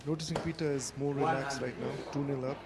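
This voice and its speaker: Mid-pitched man co-commentating on darts. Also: steady tone, brisk. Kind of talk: live sports commentary. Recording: clearly noisy live event sound.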